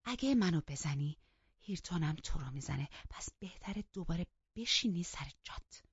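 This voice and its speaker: A woman voicing a bold, defiant young woman who taunts and talks back loudly, in a dull lo-fi recording. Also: on the low side, animated, breathy edge, no echo, exaggerated voice.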